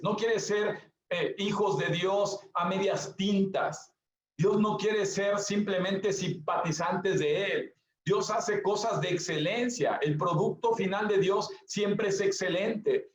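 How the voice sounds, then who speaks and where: A male pastor preaches in a high-pitched voice, repeating his key lines and speaking straight to his congregation. The sound is dull and lo-fi, and it echoes through a church hall. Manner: emphatic repetition, addresses listeners directly. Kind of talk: sermon.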